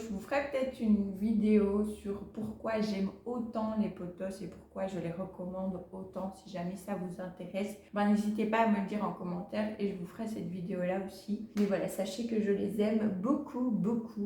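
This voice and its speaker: A woman's voice: medium pitch, a little mellow, a little hiss or hum. Chatty woman in an echoey room. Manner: chatty, hesitant with many fillers, laughs easily. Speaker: plant vlogger, channel host. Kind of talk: casual chat to camera, showing plants. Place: home, indoors.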